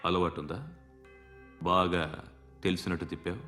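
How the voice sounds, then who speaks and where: An actor playing a gang boss who talks in a slow, menacing, measured way in a film. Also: male voice, low-pitched, level tone, sharp tone, big-room sound, faint music behind. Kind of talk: film acting.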